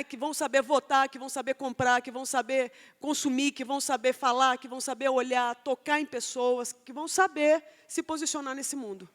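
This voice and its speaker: A Brazilian woman preaching a Sunday sermon, speaking straight to the congregation and asking it question after question. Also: high-pitched. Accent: Brazilian Portuguese. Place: church hall. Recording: church hall with long reverb.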